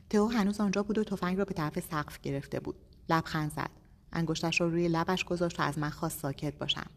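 A woman reads a novel aloud in a measured, steady voice. Her pitch sits low, and a long reverb trails each line. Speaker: narrator. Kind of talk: audiobook narration.

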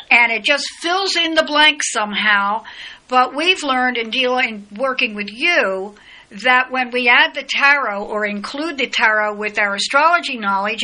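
A woman's voice: on the high side, bright, forceful tone, low-quality recording. A woman hosting a podcast interview, talking casually and steering the conversation in a practical way. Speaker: podcast host, astrologer.

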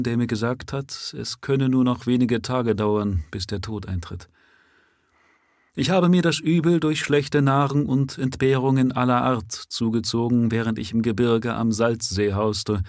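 A man's voice: mid-range voice, darkish tone, no echo, clean studio sound, voice pushed up, close to an everyday voice. A man reading aloud, voicing a dying male avenger who speaks earnestly in a raised voice.

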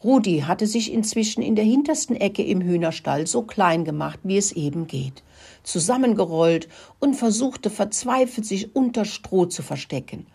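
Husky older woman telling a kids' story. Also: mid-range voice, moderate pace. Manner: friendly, lively storytelling. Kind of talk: children's story narration.

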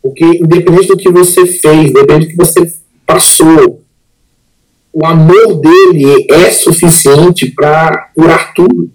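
A man, a pastor giving an emotional personal testimony as a podcast guest, earnest and halting, often repeating words. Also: on the high side, darkish tone, poor audio.

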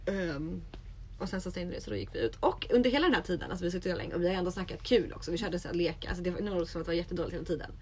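A young woman co-hosting a podcast in casual chat, telling a story with lively acted-out quotes. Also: fairly low pitch. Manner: animated storytelling, acts out quotes. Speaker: podcast co-host.

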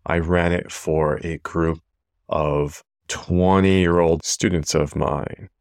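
A man's voice: low-pitched, dry recording, studio quality. A man contributing a casual recorded recommendation to a podcast.

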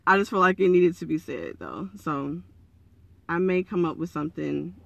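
A man with a raspy, froggy morning voice, slightly hoarse, giving a casual, earnest and encouraging monologue as a podcast host. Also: a little high, normal speed, a bit bright.

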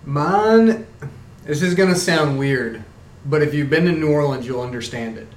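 A man on a casual panel talk, telling stories in an animated way with playful asides. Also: on the high side, moderate pace, roomy sound, recorded from a distance. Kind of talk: casual chat.

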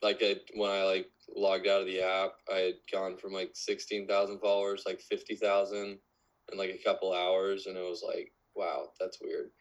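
A man's voice: low voice, completely flat delivery, moderate pace, lo-fi sound. A man of twenty-one, a musician guest in a casual podcast interview, talking in a rambling way full of fillers.

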